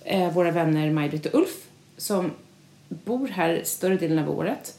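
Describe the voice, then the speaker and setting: A woman co-hosting a podcast, telling stories in an animated, chatty way. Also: lowish voice. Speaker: podcast co-host. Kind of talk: casual chat. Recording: roomy echo.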